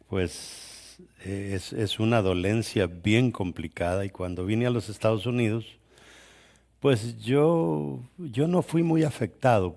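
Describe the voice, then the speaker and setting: A man's voice: fairly low pitch, darkish tone. A middle-aged man from El Salvador, a guest pastor telling his life story in a sermon with a conversational manner and frequent restarts. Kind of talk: sermon testimony.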